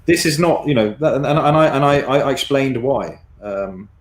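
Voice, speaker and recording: A man's voice: medium pitch, normal speed, roomy sound. A guest man in a heated debate, defensive and repetitive, often talking over the hosts. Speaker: guest caller.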